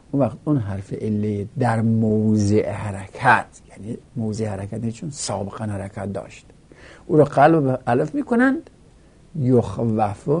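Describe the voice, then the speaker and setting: A man's voice: on the low side, a little mellow, breathy edge. Male teacher, grammar lesson; rhythmic recitation of paradigms, patient stepwise explanations. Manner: recites verb conjugations in a rhythmic drill. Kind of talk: Arabic grammar lesson taught in Persian.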